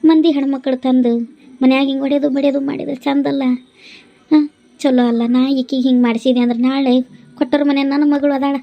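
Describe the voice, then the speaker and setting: Woman doing a gravelly older village matron from North Karnataka. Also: sits high, highs cut off. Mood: grumbling. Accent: North Karnataka Kannada. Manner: coaxing, chiding, homely. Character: older motherly village woman, soothing and scolding. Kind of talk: cartoon voice acting.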